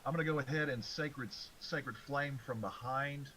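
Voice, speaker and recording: A man's voice: mid-range voice, moderate pace, fairly bright tone, low-quality recording. Man, tabletop player, mid-range voice, laid-back, joking, faint hiss. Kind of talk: casual tabletop play.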